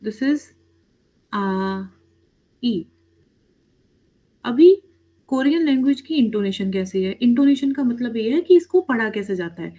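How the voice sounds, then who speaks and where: A woman teaches Korean to an online class, calling her students "beta" and checking in often. Her voice sits a little high. The sound is dull and lo-fi. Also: expressive, slow, long pauses. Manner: addresses students as "beta", frequent "theek hai?" checks; mixes English words into explanations.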